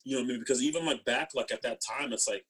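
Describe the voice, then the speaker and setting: A young Ethiopian-born man from East Africa, a former athlete, tells stories casually as an interview guest. His mid-range voice is husky and fairly bright, and he talks at a racing pace. He rambles, uses slang, and keeps asking "you know what I mean" to check he's understood.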